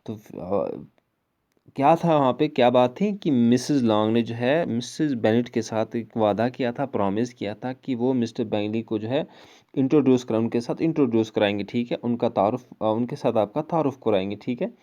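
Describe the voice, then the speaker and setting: Male teacher, Kashmiri accent, mellow tone; slow line readings, patient explaining. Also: mid-range voice, dull audio. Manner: reads English lines slowly, then explains with frequent "ठीक है?". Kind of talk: explaining an English prose lesson in Hindi-Urdu.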